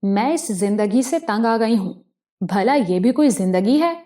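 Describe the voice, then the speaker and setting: A woman voicing a desperate young woman in a criminal gang, tearful and near breaking, who turns to frantic shouting. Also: a little high, lively intonation, close to an everyday voice. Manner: tearful, then screaming in a frenzy.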